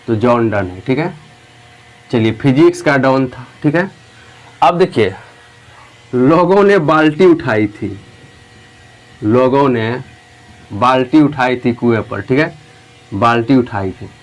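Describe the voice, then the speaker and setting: A man's voice: mid-range voice, animated, slow, long pauses. A young man teaching an exam-prep lesson, putting students' questions to himself and answering them, reassuring and casual.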